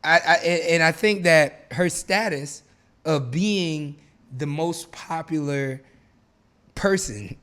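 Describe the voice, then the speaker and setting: A man with a slightly high voice co-hosts a casual podcast. He debates in an emphatic, argumentative way, circling back and repeating phrases to make his point land. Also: slow pace, a bit bright, clean tone. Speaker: podcast host.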